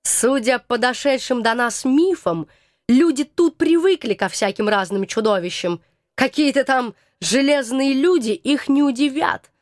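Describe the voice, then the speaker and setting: Young female audiobook narrator, ironic first-person read, high-pitched, close dry recording. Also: lively intonation, a little slow, dry recording. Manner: wry, ironic storytelling.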